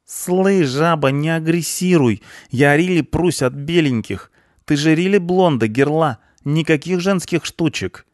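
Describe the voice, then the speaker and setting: A man's voice: unhurried, no room sound, clean studio sound, close to an everyday voice. A man voicing a brash, slangy young male punk in an audiobook. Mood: cocky. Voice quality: high, squeaky, slangy drawl. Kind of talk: audiobook character voice.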